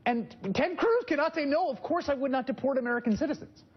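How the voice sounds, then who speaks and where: A man's voice: very high voice, fast talker, dull audio. A man hosting a news panel discussion, who thinks aloud with restarts as he talks. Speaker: host.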